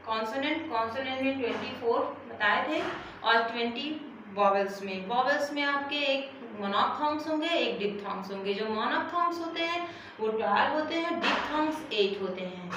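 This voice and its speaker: High-voiced woman teaching in an echoey room. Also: fairly bright tone, a little hiss or hum. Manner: repetitive drilling, asks questions and answers them herself. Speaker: English teacher. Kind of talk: classroom-style phonetics lesson. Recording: very echoey room, voice heard from a distance.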